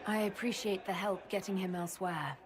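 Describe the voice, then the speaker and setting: A woman's voice: medium pitch, a crowd in the background, lightly acted. A woman playing a dry composed mage leader. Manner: dry, measured. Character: composed female mage leader, young adult.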